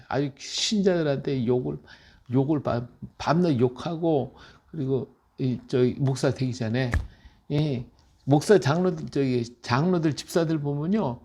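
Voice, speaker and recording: Gravelly, fairly high-voiced male pastor. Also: moderate pace, dark tone. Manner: emphatic, storytelling, asks listeners "right?". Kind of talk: conversational Bible-reading sermon.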